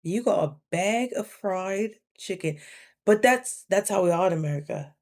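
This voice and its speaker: A woman in her thirties telling a story to camera in a casual, animated way, often acting out both sides of a conversation. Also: medium pitch, normal speed. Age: 30s. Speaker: vlogger.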